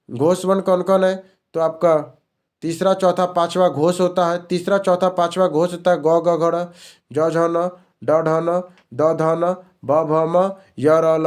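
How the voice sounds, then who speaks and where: A man's voice: on the high side, a little mellow. A male teacher running an exam-prep grammar lesson, repeating each question and answer as a drill.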